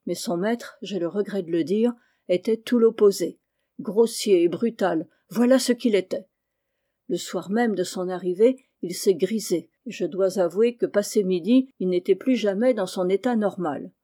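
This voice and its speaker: A woman's voice: mid-range voice, moderate pace, mellow, lightly acted. A woman reading the part of an anxious middle-aged landlady and mother, agitated and earnest, in an audiobook.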